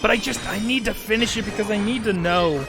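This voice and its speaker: A man's voice: high voice, a little fast. A man streaming a video game, chatting casually in a rambling, wry, sweary way. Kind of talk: casual game commentary and chat. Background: game music.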